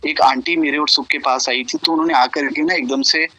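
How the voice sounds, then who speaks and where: A man's voice: fairly high pitch, fairly even intonation, a little fast, bright, forceful tone, no room sound, low-quality recording. A man telling devotional stories to a gathering in an earnest, flowing way, often quoting others in Punjabi-tinged speech. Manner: earnest retelling, mixing Punjabi and Hindi quotes. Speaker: satsang speaker sharing devotee stories.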